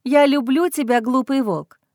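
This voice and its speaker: A woman's voice: sits high, normal speed, darkish tone, no room sound, clean studio sound. Woman voicing an earnest young heroine. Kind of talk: audiobook reading.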